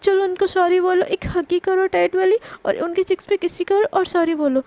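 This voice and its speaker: A woman puts on a little girl's voice, pitched very high above an already high voice and kept soft and mellow. The child is chirpy and demanding, whining and pleading like a small kid in a spoken storybook. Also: fairly even intonation, normal speed, no echo. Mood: cheerful, pleading. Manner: whiny, pleading kid talk.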